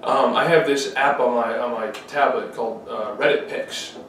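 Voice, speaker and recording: A man's voice: medium pitch, steady tone, normal speed, fairly bright tone. A young man co-hosting a podcast, rambling with many restarts in casual chat at a dining table. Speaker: podcast co-host. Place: dining room at night, around a table. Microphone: far camera. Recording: roomy, distant, faint hiss.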